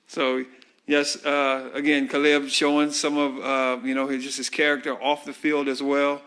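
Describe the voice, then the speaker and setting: A man conducts a halftime sideline interview. He asks friendly, rambling questions padded with fillers. His voice sits at an ordinary middle pitch. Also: flat delivery, moderate pace, a bit bright, clean tone. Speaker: sideline interviewer at a high school football broadcast.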